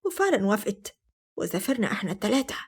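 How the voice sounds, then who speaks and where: A woman narrating a family drama in the first person with an Egyptian accent, in a brisk, plain way. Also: mid-range voice, sing-song, darkish tone, breathy edge. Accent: Egyptian Arabic. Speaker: storyteller.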